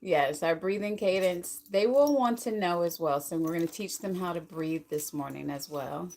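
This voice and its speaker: A woman's voice: lowish voice, normal speed, a little hiss or hum. Woman hosting a chatty livestream. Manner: warm, chatty, greets viewers by name. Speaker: livestream host and sound bath guide. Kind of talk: casual livestream chat greeting viewers.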